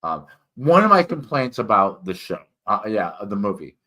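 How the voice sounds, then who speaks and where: A man with a very deep voice talks casually, as a host sharing opinions and updates. His words come slightly thick from a swollen mouth. He rambles haltingly, doubling back on words and correcting himself as he goes. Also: sing-song, pushed and bright. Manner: halting, with repeated words and many self-corrections. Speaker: host, reviewer and writer. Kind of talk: casual, rambling spoken review and personal update.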